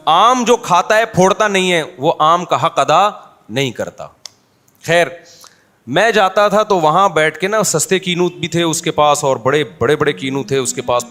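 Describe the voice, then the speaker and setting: A man's voice: on the high side, a bit bright. A middle-aged man, a preacher telling homely anecdotes in a chatty, humorous way and addressing his listeners directly. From Pakistan. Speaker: Islamic preacher. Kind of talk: informal religious talk with anecdotes.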